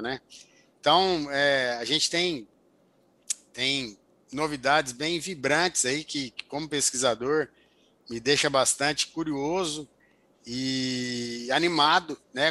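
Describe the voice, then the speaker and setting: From an indoor home office, an older man who researches agriculture is interviewed over a headset on a video call. He explains with plenty of fillers and restarts, in a mid-range, sharp-toned voice with no echo.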